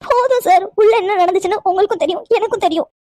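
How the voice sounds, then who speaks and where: A woman plays a young cartoon heroine who is heartbroken and furious, firing accusing questions at her lover. The voice is very high and rattles along at a racing clip. It is dry, close and free of room sound. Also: rapid-fire, dark tone, dry recording. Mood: angry. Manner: accusing, tearful, insistent questions. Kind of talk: cartoon voice acting.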